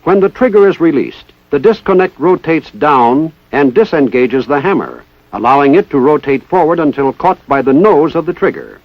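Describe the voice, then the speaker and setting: An American man, voice on the high side and animated, narrates at normal speed in the formal, methodical style of a 1960s military training film. His enunciation is exact and deliberate, captured in a dry recording with a dull, lo-fi 1960s soundtrack quality.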